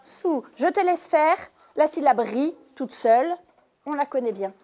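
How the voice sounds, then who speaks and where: A woman teacher giving a lesson to young pupils in a classroom, speaking slowly and clearly and stressing each syllable. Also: high voice, animated, mellow. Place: primary school classroom.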